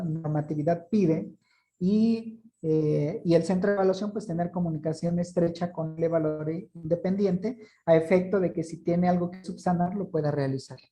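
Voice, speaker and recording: A woman with a very dark, mellow voice explains procedures in a formal, measured way. She answers questions patiently in an online meeting. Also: lowish voice, rough recording. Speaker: certification body representative.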